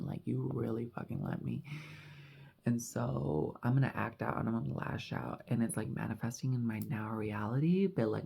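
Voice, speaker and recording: A vlogger muses aloud in a loose, confessional ramble, leaning on "like" and "you know." The delivery is slow and drawn out. A gravelly fry runs under the voice. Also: medium pitch, a little mellow. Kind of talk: casual reflective monologue. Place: house in Mexico.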